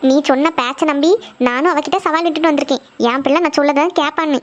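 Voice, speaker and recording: A woman's voice: high-pitched, fairly even intonation, fast talker, highs cut off, natural voice. A woman voicing a strict middle-aged mother, scolding and lecturing her daughter.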